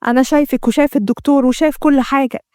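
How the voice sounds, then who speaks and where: A woman's voice: high-pitched, steady tone, very fast, a little mellow, dry recording, clean studio sound, natural voice. A woman with an Egyptian accent voicing a young husband, once blind, who speaks in an earnest, intense way. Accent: Egyptian Arabic.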